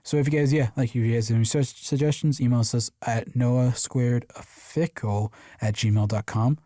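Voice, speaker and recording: A young man co-hosting a podcast in casual chat, rambling with fillers and restarts in a tired monotone. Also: medium pitch, normal speed, no echo, studio quality. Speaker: podcast co-host.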